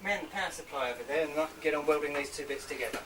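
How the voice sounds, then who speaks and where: A man playing a brisk, chatty welder. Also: fairly high pitch, natural voice. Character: adult male welder in a spoof dig show. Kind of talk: amateur comedy sketch. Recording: noisy, distant home video.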